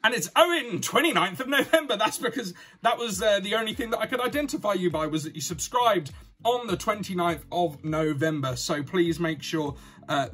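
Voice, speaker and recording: A British man in his thirties hosting a casual unboxing vlog, chatting excitedly as he announces giveaways. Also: a little high. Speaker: YouTube host. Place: small indoor room at a desk.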